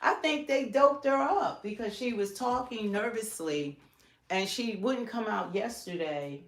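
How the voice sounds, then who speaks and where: A woman's voice: medium pitch, measured pace. A middle-aged woman with an American accent co-hosting a live stream, giving casual, emphatic political commentary and piling up points in lists.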